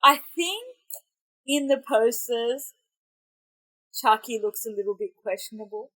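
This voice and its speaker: An Australian young woman with a cold reacts to a film trailer in rambling, self-correcting chatter. Her slightly high, somewhat bright voice is animated and unhurried, and the recording is rough.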